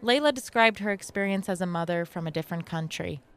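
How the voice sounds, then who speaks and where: A woman radio reporter reading scripted news narration in an even, measured way. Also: lowish voice, a little hiss or hum.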